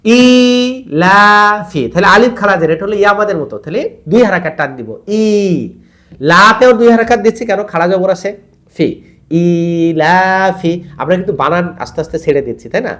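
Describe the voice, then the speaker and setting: A man gives a spoken recitation lesson in a fairly high voice. He is earnest and patient, and he draws out the long vowels as he drills each syllable. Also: animated, racing, fairly bright tone. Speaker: Quran recitation teacher.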